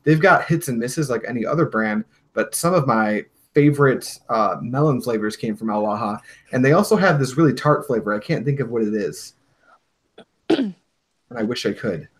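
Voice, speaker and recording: A man's voice: medium pitch, lively intonation, moderate pace. A man hosting a casual livestream chat, easygoing, agreeable and talkative, reading comments from the chat. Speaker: livestream host. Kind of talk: casual livestream chat about hookah tobacco.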